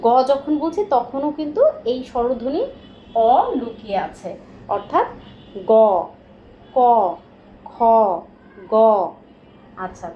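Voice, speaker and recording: A woman's voice: high-pitched, a little mellow. A woman teaching a children's recitation and pronunciation class, patient and coaxing, often stopping to check that the children follow. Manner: patient, coaxing, asks many check questions. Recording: roomy, dull, faint hiss.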